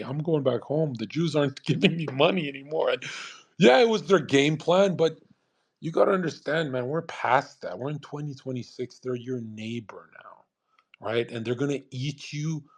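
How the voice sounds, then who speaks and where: Husky-voiced man ranting casually. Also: medium pitch. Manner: profane, rambling rant with frequent "man" and "bro". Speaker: podcast host. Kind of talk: casual podcast monologue.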